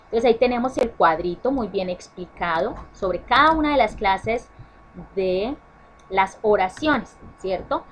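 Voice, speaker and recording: A woman's voice: mid-range voice, lively intonation, measured pace, slight background noise, rough recording. A woman teacher explaining a grammar lesson to children, often checking in with "¿sí?" and correcting herself as she goes. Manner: self-correcting restarts. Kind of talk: online class explanation.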